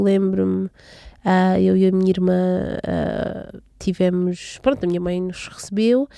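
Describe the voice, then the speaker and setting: A woman's voice: medium pitch, vocal fry, dark tone, no echo, studio quality. A young woman from São Tomé, recalling her childhood in an interview, hesitant with many fillers and restarts. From São Tomé and Príncipe. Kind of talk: casual personal recollection.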